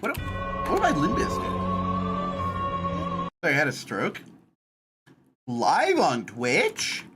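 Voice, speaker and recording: A woman livestreaming games in casual chat, with a playful, dramatic, expressive gamer manner. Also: low-pitched, slow pace, pauses often, over music.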